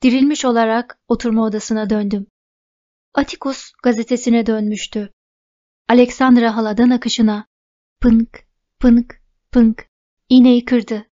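Female audiobook narrator, first-person novel, higher voice, steady storytelling, muffled lo-fi audio. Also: moderate pace.

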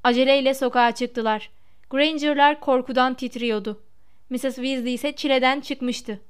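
A woman narrating a storybook aloud in a measured, expressive reading. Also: sits high, clean tone. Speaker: audiobook narrator.

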